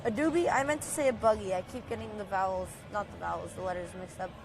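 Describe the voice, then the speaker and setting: A woman's voice: mid-range voice, quick pace, creaky, over music. A young woman streamer chatting casually, goofy and joking, sometimes mixing up her words. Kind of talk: casual live-stream chat.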